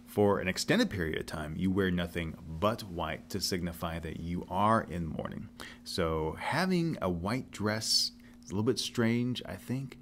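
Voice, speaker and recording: A man hosting a podcast in casual talk, chatty and jumping up loud and high when he addresses listeners or his guest. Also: slight background noise. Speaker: podcast host.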